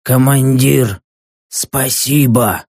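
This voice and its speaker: A rough squad fighter worn out from battle, as a male narrator puts him on, with a gravelly, husky voice. He talks very slowly and gruffly. The recording is dry and close. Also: medium pitch, a little mellow, dry recording, voice pushed down, exaggerated voice. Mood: weary.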